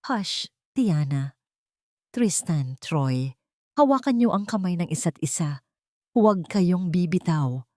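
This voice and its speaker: A woman's voice: fairly low pitch, expressive, slow pace, long pauses, dry recording, studio quality. A woman playing a desperate protective mother. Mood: hushed. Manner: hushed, forced steadiness. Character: young mother protecting her children.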